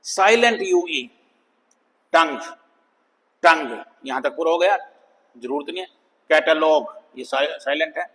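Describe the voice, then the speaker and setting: A man teaching an English phonics lesson, sounding out words slowly and repeating them for students. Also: fairly high pitch, animated, bright, forceful tone, breathy edge, long reverb tail, poor audio. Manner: slow, drawn-out demonstration of words, calls students "bhai".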